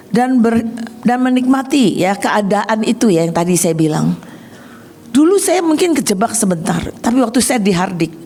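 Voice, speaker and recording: A woman's voice: on the high side, darkish tone, breathy edge. A middle-aged woman coach giving a personal testimony sermon, speaking in an earnest, conversational and emotional way.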